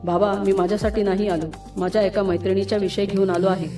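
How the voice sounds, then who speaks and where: A woman's voice: medium pitch, little pitch movement, quick pace, close to an everyday voice. A woman voicing an anxious, polite young man who speaks hesitantly and respectfully. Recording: roomy, distant, music behind.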